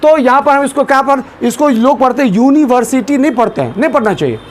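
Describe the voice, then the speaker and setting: A man's voice: very high-pitched, lively intonation, quick pace, slight background noise. A man teaching English grammar, repeating questions and calling on students to answer aloud. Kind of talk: classroom lesson.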